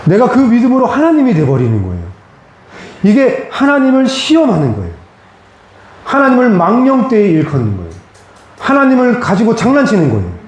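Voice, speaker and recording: A man's voice: sits high, huge pitch swings, fairly quick. A man preaching a sermon as pastor, earnest and direct, speaking plainly to his congregation. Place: church sanctuary. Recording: very echoey church hall.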